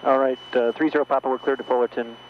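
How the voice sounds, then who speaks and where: A man flying a small plane who calmly talks through his checklists and radio calls over a cockpit headset. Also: mid-range voice, fast. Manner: calm, methodical checklist talk. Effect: pilot talking over a cockpit headset intercom. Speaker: private pilot. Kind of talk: narrating a flight and radioing air traffic control. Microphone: headset mic. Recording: muffled headset audio with faint engine hum.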